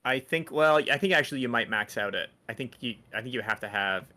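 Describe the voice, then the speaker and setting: A man's voice: medium pitch, quick pace, bright, forceful tone. A man running a tabletop game as dungeon master, explaining rules in a loose, rambling way with lots of "like" and restarts. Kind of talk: casual tabletop game chat.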